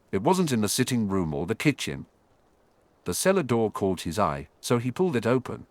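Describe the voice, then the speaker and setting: A man narrating an audiobook in an expressive storytelling manner. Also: medium pitch, dry recording.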